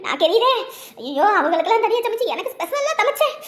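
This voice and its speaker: A woman's voice: extremely high pitch, very animated, quick pace, fairly bright tone, echoey room, full character voice. A woman in a village comedy skit playing a greedy young wife who wails and whines about her food. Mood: wailing. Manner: wailing over a burnt mouth.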